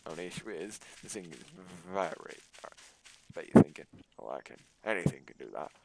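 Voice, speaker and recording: A man's voice: low voice, very animated, a little fast, creaky, very noisy. A man giving casual, sarcastic, mock-boastful commentary over his own gameplay. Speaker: gaming YouTuber.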